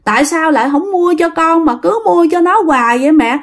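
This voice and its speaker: Woman doing a shrill jealous ghost girl. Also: expressive, brisk. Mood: wailing. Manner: shrill, wailing and demanding. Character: jealous ghost girl possessing her little brother.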